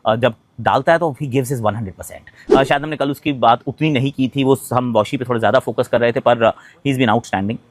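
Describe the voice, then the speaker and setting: A man's voice: medium pitch, normal speed, no echo. A man giving a casual cricket reaction, mixing Hindi and English with emphatic points and frequent hesitant fillers. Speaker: cricket commentator.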